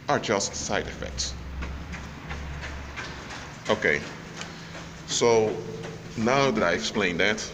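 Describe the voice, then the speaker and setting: A low-voiced man delivers a monologue teaching about faith, loud and forceful, stopping and starting again as he goes. Traffic sounds come through clearly in the background, and his voice trails off in long reverb.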